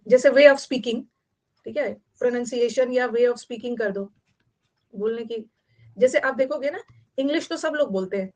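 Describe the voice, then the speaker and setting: An Indian woman teacher, likely in her thirties, leads a vocabulary lesson in a slightly higher voice. She explains words patiently and repeats each term and meaning several times. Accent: Indian English. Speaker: English teacher. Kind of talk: online class lecture.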